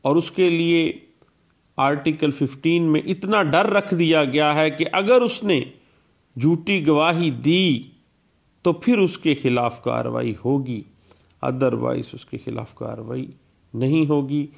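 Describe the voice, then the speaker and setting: This law lecturer's voice is fairly high and gravelly, and he takes his time. He explains rules methodically, repeating statute citations and blending English legal vocabulary into Urdu legal terms.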